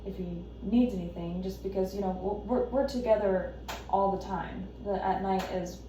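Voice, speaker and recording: An anxious, devoted wife, acted by a woman in a role-play, talking haltingly as if justifying herself. She sounds distant from the mic in a strongly echoing room with noticeable noise. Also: medium pitch, fairly even intonation, close to an everyday voice. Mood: anxious, apologetic. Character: anxious, devoted wife caring for her husband. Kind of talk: role-play counselling session. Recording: echoey room, distant mic, noisy background.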